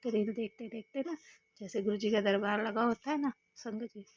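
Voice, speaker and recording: A woman's voice: fairly high pitch, normal speed, dry recording, muffled recording. A woman sharing a fervent devotional testimony, repeating herself often and addressing the listeners directly. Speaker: devotee sharing a satsang experience.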